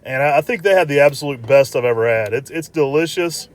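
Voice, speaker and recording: A male food vlogger talks casually over his restaurant footage. His delivery is very quick and chatty, in a slightly high voice, with informal repeats.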